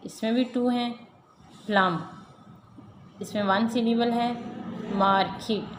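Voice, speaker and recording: A woman teacher, giving a recorded online lesson to young children and reading words slowly and deliberately. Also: a little high. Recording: echoey room, faint background hum.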